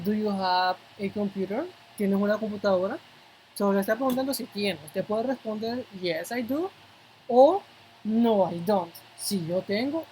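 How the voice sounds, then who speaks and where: A woman as an English teacher, explaining grammar step by step and repeating example words slowly for pronunciation. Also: mid-range voice, darkish tone, slight background noise, rough recording. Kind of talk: classroom-style language lesson.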